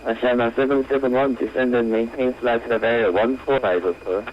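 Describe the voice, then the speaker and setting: A man's voice: mid-range voice, steady tone, moderate pace. A man giving clipped, procedural air traffic control instructions over the radio. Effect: radio transmission. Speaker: air traffic controller on an online flight simulation network. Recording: muffled lo-fi radio with faint noise.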